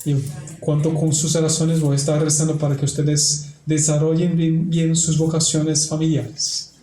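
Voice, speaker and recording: A man with a fairly high, soft-edged voice speaks as a priest to the faithful. His delivery is didactic, leaning on repeated phrases. The room rings around him like a cathedral, with a faint noise underneath. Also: monotone, normal speed, echoey room. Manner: didactic, repeats phrases for emphasis, tag questions. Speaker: priest giving a family workshop. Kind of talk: religious talk and prayer. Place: large reverberant indoor room.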